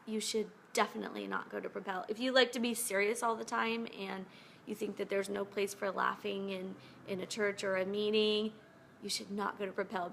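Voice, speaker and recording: A woman's voice: mid-range voice, vocal fry, a bit bright, slight background noise. A woman chatting in a casual video diary at home, just woken up, upbeat and laughing often. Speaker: vlogger.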